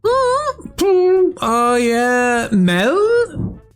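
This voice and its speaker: Over faint background music, a young German-accented man from South Tyrol, Italy, casually takes fan questions in a Q&A vlog as a streamer, with swearing and laughter between answers. His voice is very high-pitched, swoops wildly in pitch, and is extremely slow.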